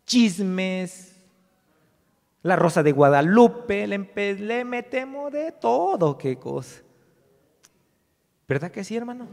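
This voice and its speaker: Pastor, high voice, preaching with punch, hall reverb. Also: male voice, very animated, slow, gravelly, pauses often, a little mellow. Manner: preaching with rising emphasis and mock voices. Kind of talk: sermon.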